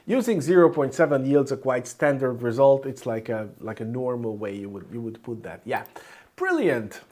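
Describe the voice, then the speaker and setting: A man whose first language is Hungarian talks through his code at a moderate pace, his medium-pitched, darkish voice full of lively intonation. The informal screencast tutorial has him thinking aloud as he types, with keyboard clicks and mouse clicks plainly heard behind him.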